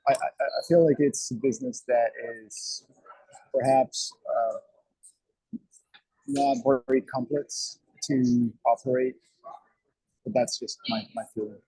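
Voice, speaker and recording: A man's voice: medium pitch, fairly even intonation, mellow, husky, no room sound, low-quality recording. A man attending a webinar who answers a question hesitantly on a video call. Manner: hesitant, halting.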